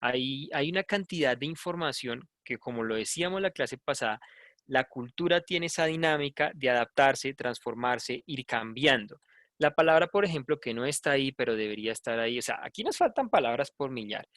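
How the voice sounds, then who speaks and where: A man's voice: mid-range voice, animated, a little fast, a bit bright, dry recording, clean studio sound. A Colombian man teaching a language class, talking in a conversational way and often checking in with tag questions. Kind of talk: online class lecture.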